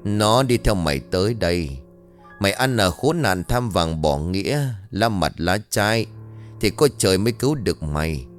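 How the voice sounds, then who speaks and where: Menacing young fortune teller for an audio ghost story, low, harsh and hissing, read by a male narrator. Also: animated, normal speed, soft background music. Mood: threatening.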